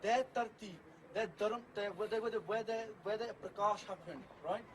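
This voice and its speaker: A man's voice: sits high, normal speed. A young man giving impassioned, off-the-cuff interview answers, emphatic and repetitive, with tag questions and Punjabi phrases mixed into his English. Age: young adult. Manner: emphatic, repeats phrases, frequent tag questions like "right" and "yeah". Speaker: Sikh community member being interviewed. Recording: noisy outdoor recording with traffic.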